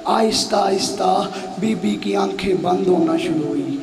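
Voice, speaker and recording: High-pitched gravelly man wailing a mourning recitation. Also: faint music behind. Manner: impassioned, alternates hurried asides with drawn-out shouted lines. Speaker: zakir reciting at a mourning gathering. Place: packed house gathering.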